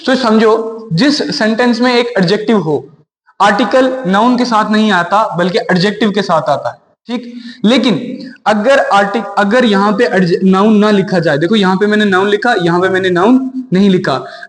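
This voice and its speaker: A man's voice: sits high, a bit bright. A man teaching English grammar in a classroom lesson, explaining step by step and asking rhetorical questions. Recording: echoey room with long reverb.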